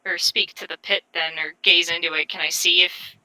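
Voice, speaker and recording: A woman's voice: on the low side, fairly even intonation, normal speed, sharp tone, low-quality recording. A woman chatting casually and informally as a player in a tabletop role-playing game, with a sweary way of talking. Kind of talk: casual role-play chat.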